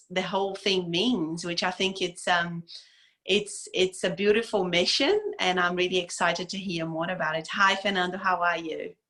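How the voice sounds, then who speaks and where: A chatty woman hosting an interview, her voice low for a woman yet bright and sharp. She speaks casually and enthusiastically, full of fillers as she frames each question.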